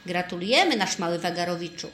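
A woman voicing a strict but proud female master of numbers in a storybook, calm and matter-of-fact. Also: lowish voice, fast, echoey room.

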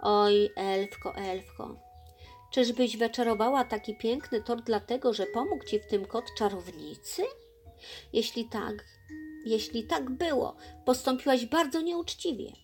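Storybook role: fair, gentle male elf judge, read by a woman. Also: on the high side, animated, unhurried, soft background music. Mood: reproachful. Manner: announcing and gently reproachful.

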